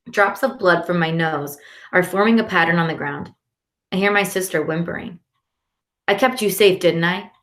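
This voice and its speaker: A woman narrating a first-person children's novel in an expressive reading voice. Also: on the low side. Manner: expressive, shifting into character voices. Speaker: audiobook narrator. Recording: roomy echo.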